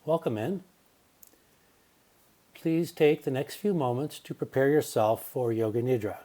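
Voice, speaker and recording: A man leads a yoga nidra relaxation meditation in a mid-range voice. He speaks calmly and gently, leaving unhurried pauses.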